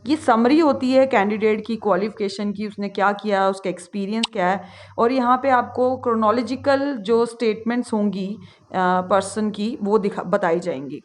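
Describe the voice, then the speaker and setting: A woman's voice: medium pitch, normal speed, slight background noise. A woman teacher with an Indian accent giving a lecture from slides, switching between Hindi and English with frequent hesitations. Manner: mixes Hindi and English, many filler sounds. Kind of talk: classroom lecture on a slide presentation.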